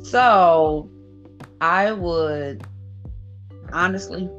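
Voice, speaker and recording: A woman in her late forties hosts a casual podcast conversation in a lowish voice at a very slow pace, bluntly and emphatically repeating her points. The lo-fi audio sounds dull, with music playing behind her.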